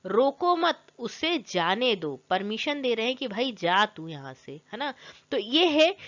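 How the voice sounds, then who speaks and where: Young woman teacher, quizzes the class then answers herself, bouncy high voice, kinda muffled lo-fi audio. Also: fairly bright tone. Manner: reads example sentences slowly, stressing each pause. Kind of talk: classroom grammar lesson. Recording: dull lo-fi recording.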